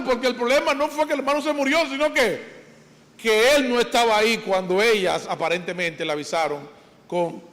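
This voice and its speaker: A man preaching a sermon in a church, lively, asking his listeners questions and then answering them himself. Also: sits high. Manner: animated, asks the congregation questions and answers them. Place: church sanctuary. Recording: long hall reverb.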